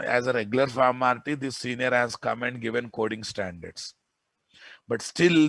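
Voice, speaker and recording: A man's voice: mid-range voice, a bit bright, dry recording, low-quality recording. A man with a Telugu Indian English accent teaching a live class as an instructor, informally, often repeating phrases and checking in with his listeners. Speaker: software programming instructor. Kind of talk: live classroom lecture with storytelling and dictation.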